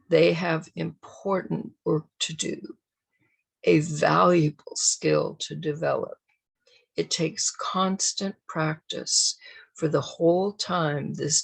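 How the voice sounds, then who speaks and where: A woman hosting a parenting show, giving a deliberate, emphatic scripted talk to parents. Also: low voice, creaky, husky, low-quality recording. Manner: slow, deliberate, emphatic delivery. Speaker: parenting educator and show host.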